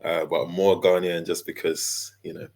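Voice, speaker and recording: A man, chatting easily as an interview guest, relaxed and full of fillers and small laughs. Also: deep voice, normal speed, gravelly. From London, England. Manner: laid-back, easygoing, with many fillers and laughs. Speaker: guest, character designer and illustrator. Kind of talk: casual interview chat.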